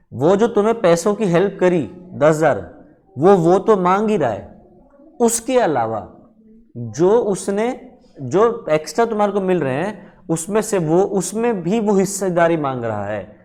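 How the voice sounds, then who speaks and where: Male teacher explaining, fairly high voice. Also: very animated, unhurried, a little mellow. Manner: conversational, addresses students directly with frequent check-ins. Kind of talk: lecture.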